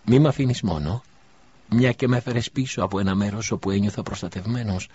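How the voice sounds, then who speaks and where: A man voicing a frail, frightened young boy in an audiobook, raising his husky voice high and pleading. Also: mellow. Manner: high, urgent childlike pleading. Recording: dull lo-fi recording.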